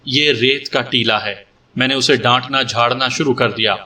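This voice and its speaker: A man's voice: mid-range voice, steady tone, sharp tone, far from the mic. A man reading as a bold young woman on the record. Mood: defiant. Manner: frank and defiant. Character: young woman giving a police statement, bold. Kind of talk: audiobook story reading.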